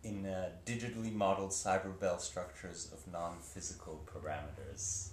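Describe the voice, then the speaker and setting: Low-voiced male interviewer. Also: flat delivery, normal speed. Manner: plain, direct questions. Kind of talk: interview questions. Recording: roomy, slight background noise.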